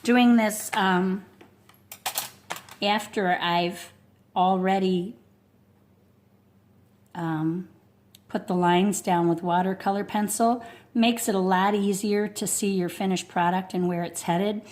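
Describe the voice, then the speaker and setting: A woman art instructor gives an informal watercolor tutorial in her home studio, which has a wood stove, speaking close to the mic and thinking aloud with plenty of fillers. Her mid-range, darkish voice is slow and fairly even, with long pauses, and a faint blower hum runs in the background.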